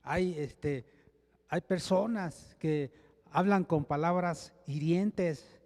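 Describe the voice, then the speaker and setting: A man's voice: on the high side, drawn-out words, darkish tone, in a large hall. A man preaching a sermon in an earnest, conversational way, often checking in with his listeners. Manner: earnest, conversational preaching with frequent restarts and rhetorical "¿sí?". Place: church.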